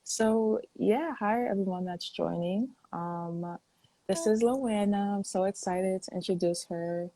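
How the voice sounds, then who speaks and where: A woman's voice: mid-range voice, unhurried, warm tone, dry recording, low-quality recording. A young woman hosting a casual interview, upbeat and full of fillers as she introduces her guest. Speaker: host.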